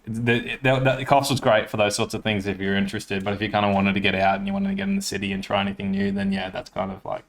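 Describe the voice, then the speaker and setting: Speaking quickly with few pauses, a young Australian man co-hosting a podcast keeps the casual chat animated in a low-ish voice. He rambles and corrects himself as he goes.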